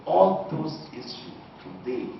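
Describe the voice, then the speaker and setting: A man's voice: fairly high pitch, very animated, a little slow, gravelly. A man giving a lecture, answering audience questions and stressing his points one after another. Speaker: guest lecturer. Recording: echoey hall, distant lo-fi mic with noise.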